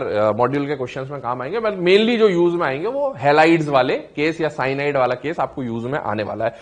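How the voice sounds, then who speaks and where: A male teacher giving a chemistry lecture, asking questions and answering them himself, repeating key terms and calling his students "beta". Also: fairly high pitch. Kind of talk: classroom lecture.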